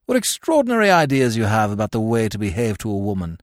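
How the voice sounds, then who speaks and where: A stiff young gentleman, played by a male narrator, pompous and quick to indignation. The pitch moves dramatically, and the recording is dry and close, in audiobook manner. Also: wildly swooping pitch, dry recording.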